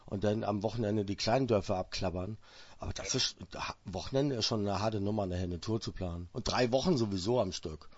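A man's voice: on the low side, fairly quick, a little mellow, dry recording, muffled recording. A man in his fifties hosting a casual radio interview, chatty and joking, with many fillers and restarts. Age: 50s.

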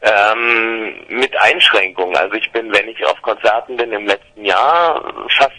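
A man in his thirties from Berlin, a singer-songwriter, talking casually and haltingly with many fillers over a phone line. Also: fairly low pitch, bright, forceful tone. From Berlin, Germany. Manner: hesitant, many fillers and restarts. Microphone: telephone line. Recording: phone line into radio studio.

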